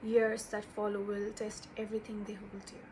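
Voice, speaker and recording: A woman with a Bengali accent chatting casually about a book, halting as she searches for words and rather self-deprecating. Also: medium pitch, monotone, darkish tone, a little hiss or hum. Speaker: book reviewer. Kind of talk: casual unscripted book chat.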